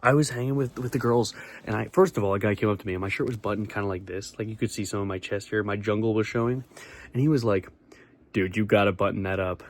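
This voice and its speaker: A man's voice: fairly low pitch, fast. A young man talking casually to camera at home, rambling and sarcastic as he jumps between topics. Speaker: vlogger. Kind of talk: casual comedic monologue. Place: small bedroom with acoustic foam.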